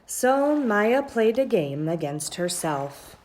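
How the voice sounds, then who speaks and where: A woman reads a children's story slowly and deliberately, her pitch swinging widely and expressively as she stretches out phrases. Her tone is slightly mellow, and faint noise sits on the recording.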